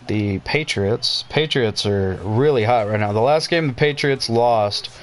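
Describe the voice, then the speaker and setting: Man, casual gameplay commentary, mid-pitched voice, muttered play-by-play, frustrated cursing, faint room hum. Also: measured pace. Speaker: gaming video creator.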